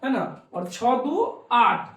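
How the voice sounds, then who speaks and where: A man's voice: extremely high pitch, very animated, slow pace, fairly bright tone, echoey room. A man teaching a chemistry class, repeating his points and answering his own questions. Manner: repetitive, coaxing, asks questions and answers them himself. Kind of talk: classroom lecture.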